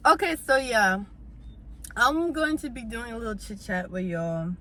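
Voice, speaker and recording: A woman's voice: a little high, measured pace. A young woman vlogger, chatting casually as she eats on camera. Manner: relaxed, chatty, eating while talking. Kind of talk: casual mukbang chat.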